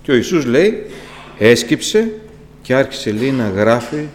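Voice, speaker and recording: With big swings in pitch, a preacher delivers a fiery sermon, surging abruptly louder and higher while asking rhetorical questions and speaking straight to his congregation. Long reverb and a faint electrical hum run through the audio.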